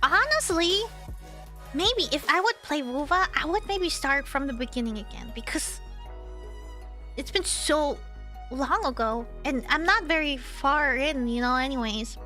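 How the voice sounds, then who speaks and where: A high, bright-voiced woman chats casually on her livestream. She rambles, teases and restarts her sentences as she thinks aloud, with faint music playing behind her. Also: animated, measured pace. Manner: chatty, teasing, rambling with restarts. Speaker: streamer.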